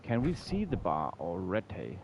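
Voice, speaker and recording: Low-voiced man livestreaming a game casually. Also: huge pitch swings, normal speed, darkish tone, a little hiss or hum. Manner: chummy, repeats phrases. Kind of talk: casual live game commentary with chat.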